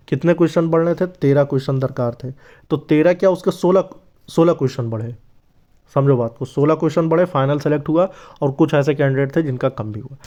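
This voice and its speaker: This YouTube presenter of exam updates has a fairly high, darkish male voice, and the recording sounds muffled. He explains things informally to his viewers, speaking like a big brother and dropping in frequent check-in tags.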